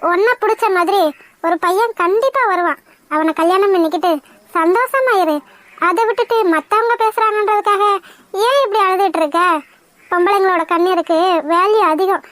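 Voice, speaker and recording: A woman voicing a kind young pregnant village wife in a cartoon, soothing and gently scolding. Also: extremely high pitch, normal speed, dry recording. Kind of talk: cartoon voice acting.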